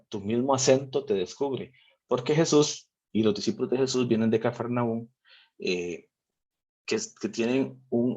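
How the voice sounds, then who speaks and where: A man's voice: medium pitch, dull audio. A man from Rica, reading scripture aloud and patiently explaining it in a Bible study talk. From Costa Rica. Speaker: theology group speaker.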